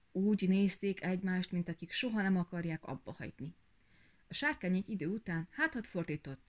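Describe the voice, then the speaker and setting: Woman reading a fairy tale. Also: fairly low pitch. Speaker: storyteller.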